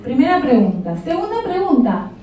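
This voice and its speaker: A woman's voice: high-pitched, big pitch swings, normal speed, warm tone. A woman with an Argentine Rioplatense accent giving a practical, explanatory lecture at a professional conference, with a touch of humor. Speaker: conference speaker. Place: conference hall. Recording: very echoey hall, voice from far off.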